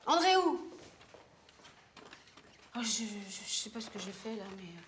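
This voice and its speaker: An actress playing an awkward, well-meaning parent figure who stammers and hesitates. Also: female voice, medium pitch, steady tone, fast, sharp tone, a little hiss or hum, close to an everyday voice.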